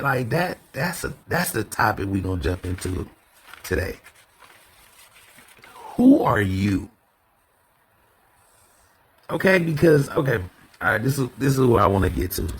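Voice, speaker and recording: Low gravelly man, slow rambling podcast talk. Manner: rambling, conversational, lots of fillers and repeated words. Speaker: podcast host. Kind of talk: casual solo podcast monologue.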